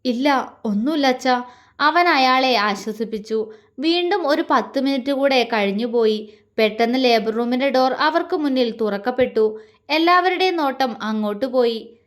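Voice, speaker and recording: A woman narrates a romance story in a soft, even storytelling manner. Her voice is high-pitched. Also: moderate pace.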